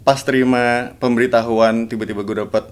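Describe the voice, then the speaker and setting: A man's voice: mid-range voice, brisk, clean tone. Easygoing male host. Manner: relaxed, easygoing, with frequent fillers. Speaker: podcast host. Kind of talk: casual podcast chat.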